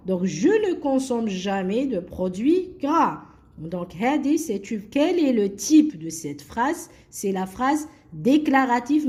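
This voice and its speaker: A woman teaching a French grammar lesson, mixing French and Arabic and slowly repeating words for students to write. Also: a little high, darkish tone. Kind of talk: classroom lesson explaining grammar.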